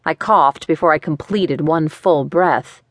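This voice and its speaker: A woman reading a first-person thriller aloud in a measured, matter-of-fact way, on a studio microphone. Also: sits low, no room sound. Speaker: audiobook narrator.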